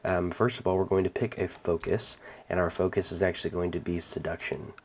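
A man hosting a let's-play, calmly talking through his moves with many ums and restarts. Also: sits low, fairly quick, creaky, slight background noise. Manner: relaxed, rambling, many fillers and restarts. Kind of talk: casual gameplay commentary.

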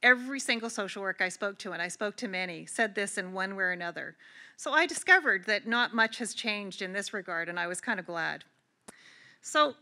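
In a large convention hall, a middle-aged keynote speaker from Canada holds forth with a mid-range voice that is bright and forceful. The talk is earnest and conversational, marked by many restarts.

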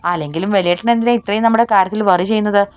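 A woman's voice: mid-range voice, racing, dry recording, faint music behind, lightly acted. A woman voicing a teasing, hot-headed younger brother in a romance audiobook. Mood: resentful. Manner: teasing, then resentful.

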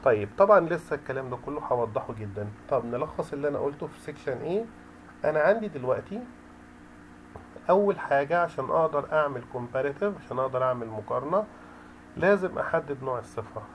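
A man's voice: medium pitch, expressive, fast talker, slight background noise, poor audio. A man with an Egyptian Arabic accent, an English tutor explaining grammar rules step by step, mixing in English terms with frequent hesitant fillers.

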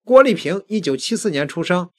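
A middle-aged man giving news commentary into a desk microphone, deliberate, with pauses and emphatic repetition. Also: sits high, sing-song. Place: small indoor studio at a desk. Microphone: desk microphone close in front.

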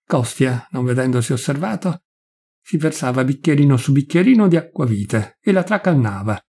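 A man reading a long story aloud as narrator, measured and expressive. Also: medium pitch, husky. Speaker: reader. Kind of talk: audiobook narration.

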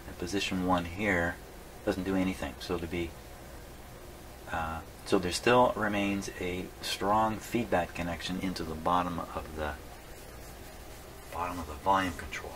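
In a small indoor radio workshop, the host of a radio repair channel gives a casual hands-on demo, thinking aloud and muttering to himself as he works. He speaks low and unhurried, with a steady, fairly bright tone. The mic is distant and background noise is clear.

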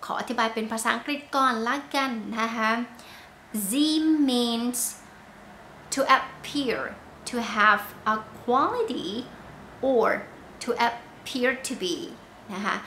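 A woman with a Thai accent, patiently explaining an English lesson in a slow, polite teaching manner. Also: fairly high pitch, animated, sharp tone, reverberant, slight background noise. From Thailand. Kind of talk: bilingual language lesson.

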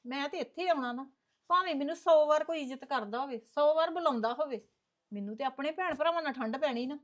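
A woman's voice: high voice, fast, lightly acted. A woman playing an offended aunt who was left out of her nephew's send-off, complaining sharply. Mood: lecturing. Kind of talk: family short-film acting.

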